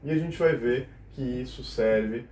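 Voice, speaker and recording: A man's voice: mid-range voice, a little slow, darkish tone. A male teacher explaining a poem's syllable count in a recorded class lesson, checking in with his students often. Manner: explanatory, checks in with frequent questions. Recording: roomy echo.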